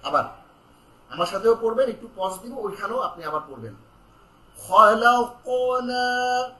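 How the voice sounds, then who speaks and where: Bright high-voiced man teaching recitation. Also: roomy sound, poor audio. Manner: drills syllables loudly for students to repeat; slow, explaining calmly between drills. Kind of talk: online Quran pronunciation lesson.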